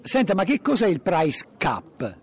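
A man's voice: sits high, wildly swooping pitch, measured pace, slightly rough. A man doing vox-pop interviews for radio in a chatty, teasing way. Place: outdoors in city streets.

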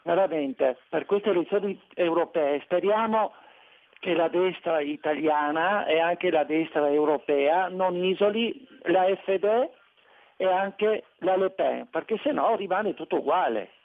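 Phone-in caller, a man with a high voice, hesitant and halting, tinny phone line. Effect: heard over a phone line. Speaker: radio caller. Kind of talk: casual call-in chat.

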